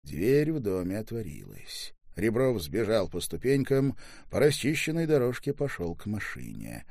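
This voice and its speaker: A man's voice: on the low side, wildly swooping pitch, normal speed, creaky, a little mellow, no room sound, clean studio sound. A man reading a novel aloud as narrator, moving between narration and the voices of the characters. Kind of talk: audiobook narration.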